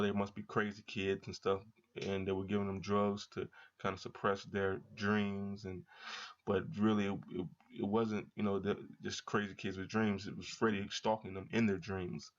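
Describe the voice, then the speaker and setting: A man chatting casually as a reaction video host, rambling and halting with repeated words. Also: fairly low pitch, monotone. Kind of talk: casual chat, trailer reaction commentary. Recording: dull lo-fi sound.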